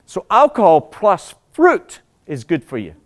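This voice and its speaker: A man, a doctor, giving a public lecture, animated and full of rhetorical questions to the audience. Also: high-pitched, measured pace.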